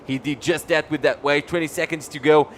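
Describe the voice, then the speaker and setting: A man's voice: a little high, fairly even intonation, brisk. Male surf contest announcer, faint background noise. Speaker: live surfing contest commentator. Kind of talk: live sports commentary with score updates.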